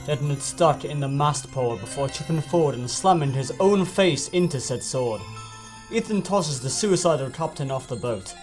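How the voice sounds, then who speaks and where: A man narrating a scripted recap in a deadpan storytelling way. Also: medium pitch.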